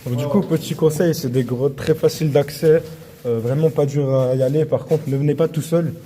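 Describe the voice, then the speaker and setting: A man's voice: a little high, steady tone, brisk, a crowd in the background. A man talking casually as an exploration vlogger and guide, with slangy, crude, informal wording. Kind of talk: casual explorer vlog narration.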